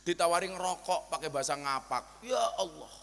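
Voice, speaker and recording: A man's voice: on the high side, fairly quick, a bit bright. A man with a Javanese accent preaching a humorous sermon to a crowd, joking and telling stories as he switches between dialects. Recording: long hall reverb.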